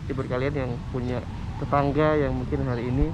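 A young man hosts casually with a medium-pitched voice. He addresses viewers and puts questions to people around him. Heavy ambient noise runs behind his voice. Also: level tone, fairly quick, lo-fi sound. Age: young adult. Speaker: vlog host. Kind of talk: casual presenting and interviewing. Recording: loud ambient and traffic noise.

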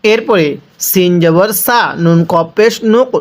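A man's voice: sits high, a little slow. A man teaching Quran reading with a Bangladeshi Bengali accent, patiently spelling out letters and vowels, then drawing out each word for the listener to repeat. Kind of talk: slow spelled-out recitation lesson.

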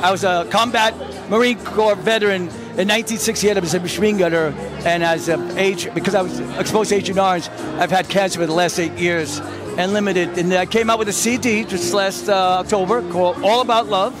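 A man in his seventies chatting in an interview, halting and restarting as he goes. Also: high voice, fairly even intonation. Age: 70s. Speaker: interview guest, veteran actor and musician. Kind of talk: casual interview chat. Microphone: handheld mic held by interviewer. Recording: music and crowd behind.

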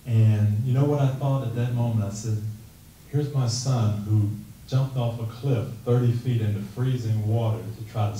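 A middle-aged man speaking earnestly into a handheld mic to a team in a classroom, giving a measured talk that moves into prayer. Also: on the low side, slight background noise. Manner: earnest, measured, softly pleading. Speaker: guest speaker. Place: classroom meeting room, indoors. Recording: echoey room, camera from a distance.

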